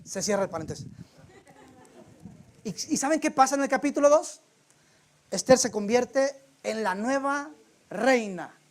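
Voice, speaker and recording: A man's voice: very high voice, expressive, measured pace, pauses often. A man preaching a sermon in a church, telling the story in a colloquial, humorous way.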